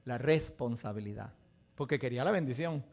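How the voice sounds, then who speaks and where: A man's voice: medium pitch, fairly quick. A man teaching a live Bible lesson, asking his audience questions and acting out the voices of biblical figures. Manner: animated, asks the audience questions, acts out quotes. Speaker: teacher of a Torah portion study.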